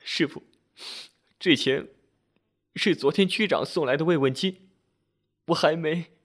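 A man's voice: fairly high pitch, fairly quick, sharp tone, voice pushed up. A man voicing a desperate, laid-off woman who begs and sobs in a storytelling recording. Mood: pleading. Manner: begging, tearful.

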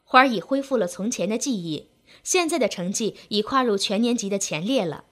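A woman's voice: medium pitch, lively intonation, a little fast, a bit bright. A woman reading the lines of a homeroom teacher who reports plainly. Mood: pleased. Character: homeroom teacher, pleased and matter-of-fact.

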